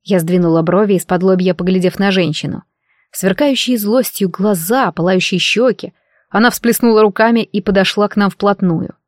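A woman narrating a first-person fantasy audiobook in a wry, lively storytelling manner, close to the mic. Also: medium pitch, moderate pace, no echo.

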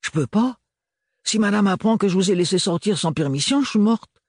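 A nervous young chambermaid, high and pleading, spills her words in a husky, breathy rush, as a male narrator puts her on. The voice is dry and close, with no room sound. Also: animated, fairly quick, dry recording. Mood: anxious. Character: young provincial teenage chambermaid, jittery. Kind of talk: audiobook character voice.

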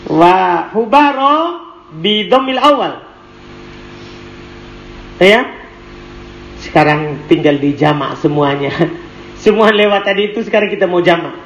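A man's voice: high-pitched, lively intonation, measured pace, long pauses, fairly bright tone, highs cut off. Male teacher in an echoey classroom with faint noise, reading a text and drilling students with questions. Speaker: teacher of Arabic morphology. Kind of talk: classroom lesson with call-and-response.

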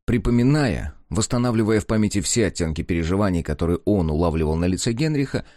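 A man's voice: sits low, animated, quick pace, mellow, no echo, studio quality. A man narrating an audiobook.

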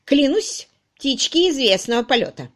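A woman voicing a loud, bossy middle-aged charwoman in an audiobook, brusque and exclaiming. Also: sits high, very animated, normal speed, pitched above the performer's own voice. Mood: blunt. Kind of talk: audiobook reading.

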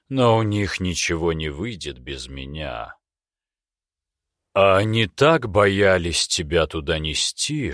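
A sly, imperious demon who drawls every word slowly, purring and silky, as a male narrator puts him on. The voice sits very low, but it rises and falls in long, lively swoops. It sounds close and dry. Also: no echo, exaggerated voice. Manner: slow, drawn-out, sly purring delivery.

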